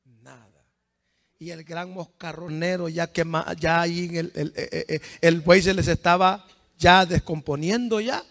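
A man preaching a fervent sermon, swinging from hushed asides to shouts and firing questions at the congregation. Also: a little high, fairly even intonation, unhurried, vocal fry.

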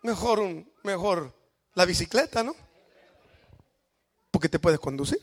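A Salvadoran man preaches in a church, his voice pitched very high for a man. He drives the sermon with shouted, emphatic cries of praise and calls for the crowd to answer. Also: animated, unhurried. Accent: Salvadoran Spanish.

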